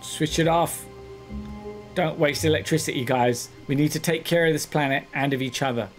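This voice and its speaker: A man chatting casually while streaming a game, halting with fillers. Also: on the high side, steady tone, faint music behind. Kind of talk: casual chat over gameplay.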